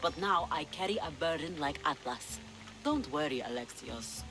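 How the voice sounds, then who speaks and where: Playing a mature, treasure-hungry pirate queen in a game cutscene, this actress uses a low, animated, somewhat bright voice at a moderate pace. She sounds sly, imperious, languid and theatrical, teasing and commanding, over faint music in a low-quality recording.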